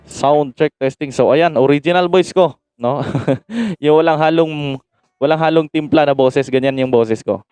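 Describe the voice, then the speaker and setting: A man's voice: a little high, unhurried, darkish tone, clean tone, dry recording, faint music behind. A man from the Philippines giving a casual product demo, chatting to viewers as "idol" and breaking into mic checks. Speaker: sound card reviewer and MC. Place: home facing a market.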